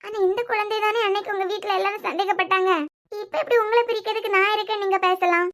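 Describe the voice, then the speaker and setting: A woman's voice: very high voice, flat delivery, quick pace, a bit bright. A woman voicing a hurt young wife in a cartoon serial, tearful and bitterly accusing her husband.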